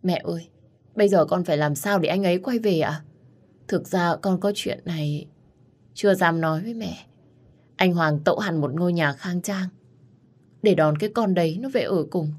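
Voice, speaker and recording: A woman's voice: fairly low pitch, fairly even intonation, normal speed, pauses often, darkish tone, husky. A woman voicing a manipulative young woman who talks through tears and pleads. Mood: tearful pleading. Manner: tearful, pleading. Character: sobbing manipulative young woman, daughter-in-law hopeful.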